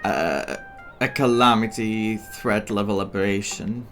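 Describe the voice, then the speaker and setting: Over guitar-driven game music, a male streamer reads game text aloud and reacts to it in casual playthrough commentary. His voice is fairly low and a bit bright, and he keeps a measured pace.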